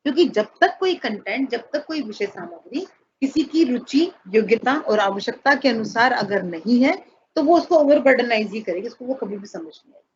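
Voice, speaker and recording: A woman's voice: on the high side, slight background noise. A woman teacher giving an online class lecture, explaining step by step with examples and mixing English words into her talk. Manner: mixes English words into Hindi; addresses students fondly as children. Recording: dull, muffled audio.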